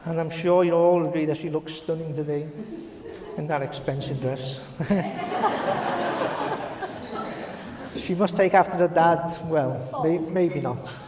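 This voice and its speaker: Middle-aged man, fairly high voice, jovial and halting wedding toast speech, hall reverb. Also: fairly even intonation, over a noisy crowd. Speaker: father of the bride. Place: large glass-walled wedding reception room. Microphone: handheld microphone. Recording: echoey hall, handheld mic, guests reacting. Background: wedding guests murmuring and laughing.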